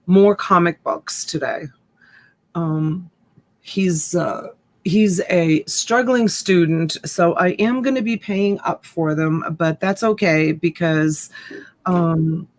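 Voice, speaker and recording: A woman in her fifties hosting a casual live stream, rambling and chatting with viewers as she reads their comments. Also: fairly low pitch. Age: 50s. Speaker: live-stream reseller host. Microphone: USB desk mic.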